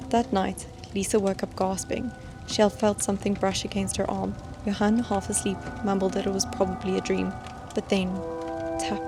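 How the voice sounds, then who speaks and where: A woman reads scripted horror stories in a measured, suspenseful storytelling manner. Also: mid-range voice, vocal fry. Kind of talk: scripted scary-story narration. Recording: music bed behind the voice.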